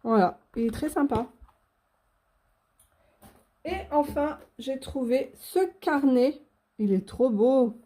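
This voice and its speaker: A young woman chats through an unboxing of coloring supplies, gushing over each item with plenty of fillers. Her voice sits a bit high and sounds soft and mellow. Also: slow, long pauses. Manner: chatty and gushing, many fillers. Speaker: coloring channel host. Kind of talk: casual unboxing chat.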